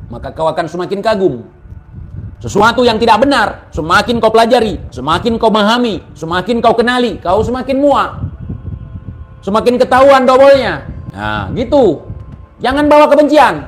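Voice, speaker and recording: A man giving a heated, mocking religious commentary, swinging from quiet asides to loud outbursts. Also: sits high, slight background noise.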